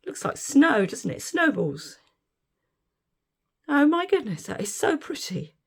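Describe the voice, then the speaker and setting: Speaking slowly in a high-pitched, gravelly, very animated voice, a middle-aged woman who vlogs about resin art chats through a demonstration. Her voice is failing, but she stays giggly and quick to delight.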